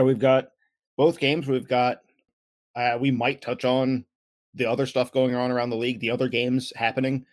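A young man chatting as a podcast co-host, wry and rambling, with frequent restarts. His voice sits at an ordinary middle pitch, recorded close and completely dry with no room sound. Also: dry recording. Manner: rambling, self-correcting, wry. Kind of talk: casual sports podcast chat.

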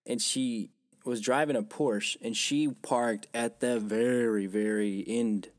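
Casting: young guy, mid-pitched, dry close recording, rambling jokey podcast banter. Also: fairly even intonation, slow, no echo. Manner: rambling, joking, swearing. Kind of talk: casual chat.

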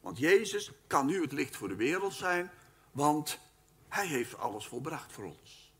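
A man giving a Bible teaching lecture at a live event, speaking in an animated, emphatic way and addressing his listeners formally. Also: fairly high pitch, a little slow, breathy edge. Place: live talk at a weekend event.

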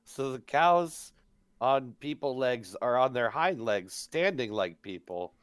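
A man's voice: medium pitch, lively intonation, slow, clean tone, no echo. A man playing a tabletop game, reacting in casual, joking and incredulous banter. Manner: incredulous, jokey. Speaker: player.

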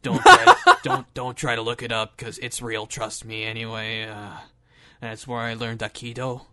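A man putting on the voice of an aging male action star, very low and gruff, hard to make out. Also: sing-song, normal speed, pushed and bright, no echo. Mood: mumbling boastful.

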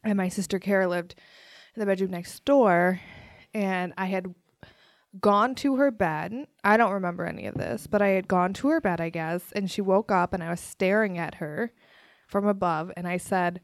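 In clean studio audio with no echo, a woman with a mid-range voice speaks at a moderate pace. As podcast co-host and game runner, she tells stories and hosts a quiz, giggling and laughing often through the casual conversation.

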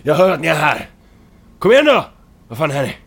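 Cocky cursing game hero, gravelly, lively pitch, brash, talks to himself. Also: male voice, full character voice. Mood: taunting, aggressive. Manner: profane, boastful, talks to himself. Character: brash foul-mouthed male hero. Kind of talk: video game voice acting.

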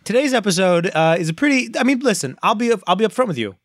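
Animated, joking male podcast co-host. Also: sits high, fast talker, no echo, studio quality. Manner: playful, jumps into silly put-on voices. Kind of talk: casual comedic chat. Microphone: studio podcast microphone.

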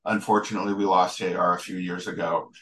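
A man being interviewed as a guest photographer and historian, talking casually in a rambling, halting way with many restarts. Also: deep voice, level tone, a bit bright, low-quality recording.

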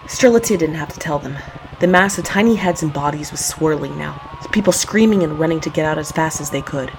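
In a brisk, low-pitched voice, a young woman narrates as a sarcastic heroine who swears a lot and often panics while caught up in her own reckless, dangerous stunt. It's a first-person audio drama, and the poor audio has noticeable background noise.

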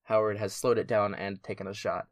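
A man running a tabletop game as game master, calmly narrating action and calling out dice results. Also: on the low side, brisk, no echo, clean studio sound. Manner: relaxed, matter-of-fact narration with dice results.

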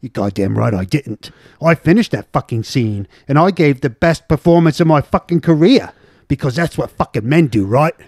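A man's voice: fairly high pitch, expressive, normal speed, a little mellow, no echo, studio quality. A male actor playing a brash, callous, foul-mouthed ex-actor with a British accent, blunt and boastful.

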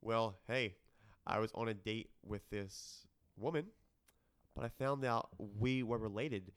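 A man co-hosting a podcast in casual pun banter, excitable and laughing, with sudden jumps up in pitch. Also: a little slow. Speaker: podcast co-host. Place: dining room.

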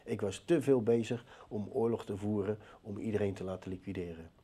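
Male interview guest, personal testimony, warm dark tone, animated storytelling. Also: on the low side, a little fast, slightly rough. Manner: lively storyteller who acts out dialogue. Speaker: interview guest telling his life story.

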